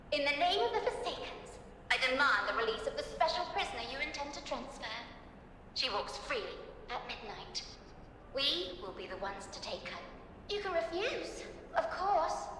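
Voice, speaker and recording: A high, taunting female villain speaks over a train station's intercom as part of a video game. Her playful threats come through a loudspeaker that booms in a vast hall with a long reverb tail. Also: slight background noise. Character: mocking female terrorist hijacking the station PA.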